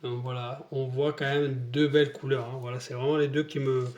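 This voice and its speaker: A man's voice: medium pitch, flat delivery, a little fast, darkish tone, lo-fi sound. A man talking casually in a hobby vlog, hesitant and rambling with many fillers, showing paint tests to the camera. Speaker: scale model hobbyist.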